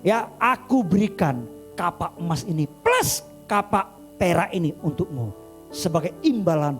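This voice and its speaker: A man's voice: sits high, expressive, unhurried, faint music behind. A man voicing a stern male angel who scolds an old man in a sermon story. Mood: solemn.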